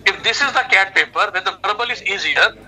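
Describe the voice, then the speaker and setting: A middle-aged education adviser with an Indian accent joins a phone video call as an expert guest, explaining things emphatically in an interview. His voice sits high with a sharp tone and a slightly fast pace. The recording, heard through a phone speaker, is rough.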